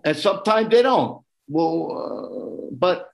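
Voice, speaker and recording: A man's voice: a little high, big pitch swings, slow pace, vocal fry. A man with a Brooklyn accent chatting casually as a podcast guest, earnest and often repeating his phrases. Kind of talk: casual conversation.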